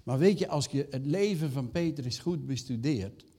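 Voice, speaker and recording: A man's voice: mid-range voice, animated, moderate pace, dark tone, husky. An older man preaching a sermon, asking the congregation rhetorical questions and raising his voice for quoted reactions. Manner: rising emphatic acted quotes. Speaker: pastor.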